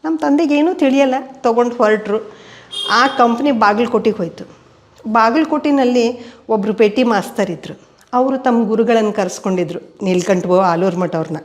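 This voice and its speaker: A woman's voice: on the high side, moderate pace. Older woman telling family stories. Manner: steady storyteller who voices quoted people. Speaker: interviewee. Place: indoors at home.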